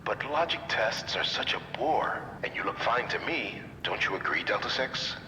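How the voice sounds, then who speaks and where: Echoing, smug game director. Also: male voice, fairly low pitch, expressive, moderate pace, pushed and bright, a little hiss or hum. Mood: mock-polite. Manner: mock-polite, condescending, announcer-like. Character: smug, theatrical, impatient male director and instructor. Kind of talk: video game voice acting. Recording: echoey hall reverb, music behind.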